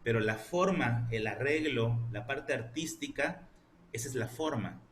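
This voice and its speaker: A man's voice: mid-range voice, unhurried, a little hiss or hum. Man explaining to his class. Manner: explanatory, asks rhetorical questions. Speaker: teacher. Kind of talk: online class lecture.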